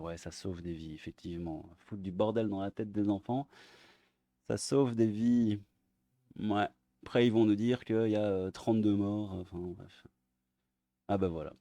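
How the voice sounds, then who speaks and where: A man with a mellow, warm voice reads articles aloud and comments on them sarcastically. He is crude and blunt and drops into mutters. The sound is dry and close. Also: on the low side, no echo. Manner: crude, sarcastic, mutters asides under his breath. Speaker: online video commentator.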